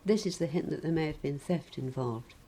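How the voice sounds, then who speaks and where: A woman preaching a sermon in a measured, gently wry reflective way. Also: deep voice, rough recording.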